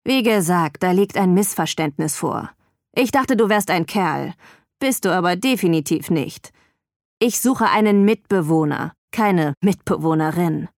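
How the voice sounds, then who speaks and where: A woman's voice: fairly low pitch, lively intonation, unhurried, no room sound, studio quality. Woman voicing a curt, dismissive young man. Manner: gruff, offhand and condescending. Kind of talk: audiobook character voice.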